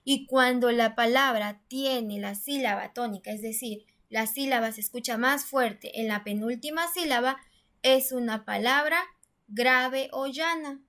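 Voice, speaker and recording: A woman's voice: on the high side, measured pace, fairly bright tone. A woman teacher giving a step-by-step grammar lesson, patiently explaining and saying syllables aloud with stress. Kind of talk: classroom-style grammar lesson.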